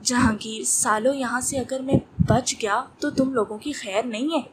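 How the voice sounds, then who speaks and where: A woman with a slightly high voice reads a romance novel aloud, voicing every part without changing her tone. A clear hiss and clicking sit under the whole recording. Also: fairly even intonation, normal speed. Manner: reads all parts in her own voice. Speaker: novel narrator. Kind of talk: audiobook reading of a romance novel.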